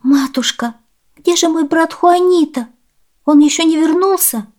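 A woman voicing a timid, obedient little peasant girl with a high, pleading voice. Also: moderate pace, a little mellow, natural voice. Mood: worried.

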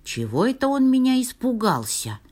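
A woman voicing a timid, gentle male donkey in a fairy tale, stammering and bewildered. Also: on the high side, sing-song, moderate pace, pitched above the performer's own voice.

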